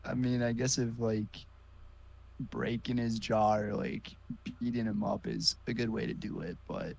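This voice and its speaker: Gravelly-voiced man in casual sports chat. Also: on the low side, steady tone, a little slow, a little mellow. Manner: easygoing, joking, many fillers. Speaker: podcast co-host.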